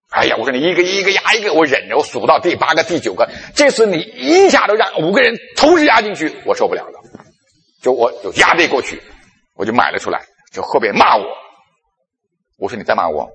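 Husky animated male preacher in echoey hall. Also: medium pitch. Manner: animated storytelling, acting out his own past self. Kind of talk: sermon with personal stories. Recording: long echo of a large hall.

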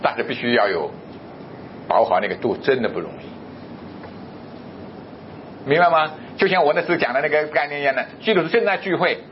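Middle aged guy preaching, tells a story and acts out the back and forth, voice jumps up loud at times, kinda muffled with a low rumble. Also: brisk, pauses often. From Guangzhou area of southern China. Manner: animated storytelling, acting out both sides of dialogue; emphatic, sudden jumps in pitch and loudness. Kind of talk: sermon with a personal anecdote.

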